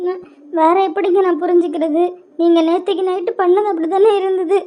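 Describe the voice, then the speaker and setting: A shrill, very high voice belongs to a wounded young woman in a cartoon, voiced by a woman. She speaks with a Kanyakumari Tamil accent and stumbles over her words, repeating them as she goes. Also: fairly even intonation, warm tone. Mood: hurt. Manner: halting, repeats words while upset. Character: young woman, hurt and tearful, wife and sister. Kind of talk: cartoon voice acting.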